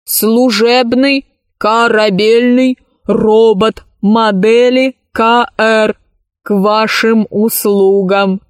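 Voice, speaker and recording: A woman reading a children's story aloud, voicing a stubborn, literal-minded ship's service robot in a slow, measured way. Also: on the high side, steady tone, clear, resonant tone, no echo, studio quality. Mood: mournful.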